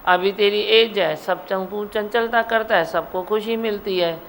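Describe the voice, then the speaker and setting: A woman's voice: medium pitch, fairly even intonation, unhurried, slight background noise, low-quality recording. A woman, a spiritual teacher giving an exhorting devotional discourse at a live gathering. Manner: exhorting, repetitive, quotes devotional verses. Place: satsang hall.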